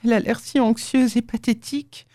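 A woman voicing a soft, emotional young woman full of pity in an audiobook. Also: fairly high pitch, fairly even intonation, brisk, no room sound, studio quality, pitched above the performer's own voice, lightly acted. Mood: anxious pity. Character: tender, tearful young woman.

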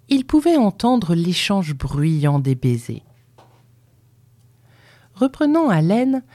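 A woman reading a novel aloud as a narrator, in an unhurried and expressive storytelling manner. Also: fairly low pitch, dry recording. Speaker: audiobook reader.

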